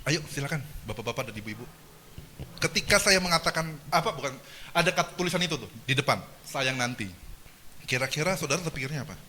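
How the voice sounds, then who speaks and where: A man lectures at a seminar in a bright, forceful voice that sits a little high. He keeps the room engaged with questions and quick jokes. A faint background hiss runs under him. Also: expressive. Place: lecture hall.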